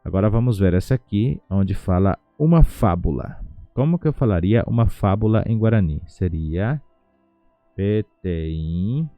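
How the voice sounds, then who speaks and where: A man with a low voice leads an online language lesson from his home, repeating words slowly and splitting them into syllables. The recording is dull and lo-fi, dry and close to the mic. Faint music sits in the background. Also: expressive, dry recording. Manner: slow, syllable-by-syllable pronunciation drills. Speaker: language teacher. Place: home without a studio.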